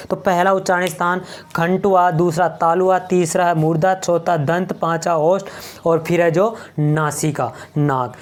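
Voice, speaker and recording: A man from Rajasthan leads a board lesson, quizzing his students and then answering his own questions. He repeats each term several times and stretches out the words as he drills them. His voice sits fairly high for a man. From Rajasthan, India. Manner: asks the class questions and answers them himself, repeating key terms; slow, drawn-out drilling of words. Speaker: teacher. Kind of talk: exam-prep grammar lesson at a board.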